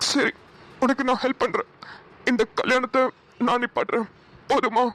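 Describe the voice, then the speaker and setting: A performer voicing a patient young groom who talks softly and reassuringly in a cartoon. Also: medium pitch, steady tone, moderate pace, noisy background, lightly acted. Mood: gentle. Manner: soft, reassuring speech. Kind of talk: cartoon voice acting.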